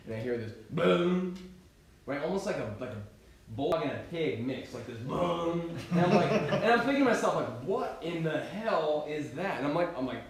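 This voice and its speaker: A young man giving a live seminar talk, telling hunting stories fast and animated, checking in with the audience again and again. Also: fairly high pitch, gravelly, distant mic. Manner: fast and animated, keeps asking "right?". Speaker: seminar co-presenter, deer hunter. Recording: echoey hall, mic from afar.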